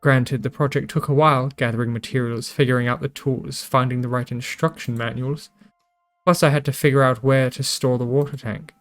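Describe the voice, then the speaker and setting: This is a tender, tall green-skinned mushroom creature from a dating game, as a man puts him on. He speaks softly and hospitably, with a quiet pride, at a plain middle pitch. Faint music sits underneath. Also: fairly even intonation, fairly quick, lightly acted. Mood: gentle.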